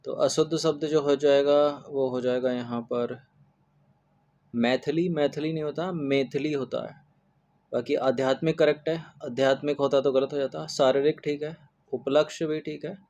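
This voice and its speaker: A man's voice: medium pitch, fairly even intonation, moderate pace, warm tone, dull audio. A man teaching an exam-prep lesson, going through test answers and repeating spellings, often adding a filler of agreement. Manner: repetitive, drills spellings with "ठीक है" fillers.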